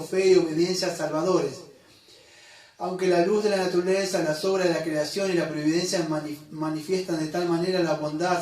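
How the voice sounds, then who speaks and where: A high-pitched man preaching a sermon. He talks in a loose, chatty way, stumbling and correcting himself as he goes, and throws questions at the congregation. His voice echoes around a hall and sits some way off the mic. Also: a little mellow. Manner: conversational, self-correcting, quizzes the congregation. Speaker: pastor. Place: church hall. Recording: echoey room, mic at a distance.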